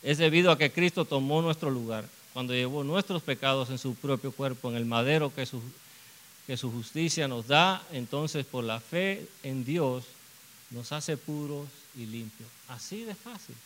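A man's voice: mid-range voice, normal speed, a bit bright, poor audio. A man preaching a sermon, earnest, asking rhetorical questions and repeating phrases for emphasis.

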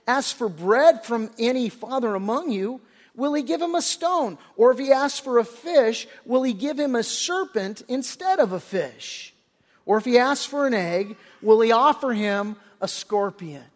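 An older man preaching a conversational sermon as pastor, folksy and full of restarts, often acting out the characters' lines. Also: extremely high pitch. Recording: long reverb of a large hall.

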